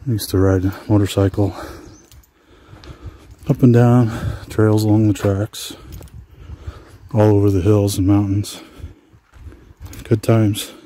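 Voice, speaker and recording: A man from Washington State chatting casually as he walks along old railway tracks, rambling and relaxed with frequent fillers. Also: on the low side, slow pace, pauses often. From Washington State, USA. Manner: talks while walking outdoors. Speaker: adventure vlogger. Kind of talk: casual hiking vlog commentary. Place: outdoors on abandoned railway tracks.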